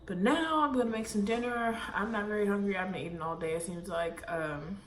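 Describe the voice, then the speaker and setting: A woman's voice: medium pitch, brisk. Young woman vlogger, breathless and chatty, rambling with lots of fillers, faint background hiss. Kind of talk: casual vlog chat. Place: parked car; home kitchen.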